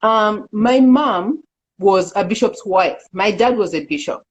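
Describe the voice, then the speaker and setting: A middle-aged woman from Uganda, a guest in an interview, speaking earnestly and haltingly with many fillers. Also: medium pitch, rough recording. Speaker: executive director, interview guest. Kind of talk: casual interview talk.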